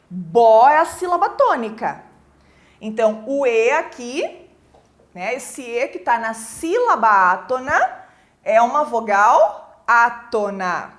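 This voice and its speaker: A Brazilian woman teaching a class. She explains slowly, checks with "certo?" after each point and points to examples on the board. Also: on the high side, a bit bright. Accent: Brazilian Portuguese. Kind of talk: recorded classroom lesson.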